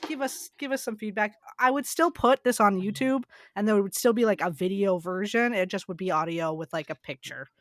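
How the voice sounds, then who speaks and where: A woman's voice: mid-range voice, brisk, few pauses, fairly bright tone, dry recording, clean studio sound. A woman co-hosting a podcast in casual, rambling chat that trails off now and then. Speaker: podcast co-host.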